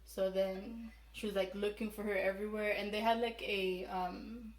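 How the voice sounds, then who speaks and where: Young woman from Palau, medium pitch, casual storytelling, halting and rambling, roomy echo, some background noise. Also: little pitch movement. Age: young adult. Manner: halting, rambling, self-correcting delivery. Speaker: mukbang vlogger telling a folk legend. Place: small room indoors, seated at a table.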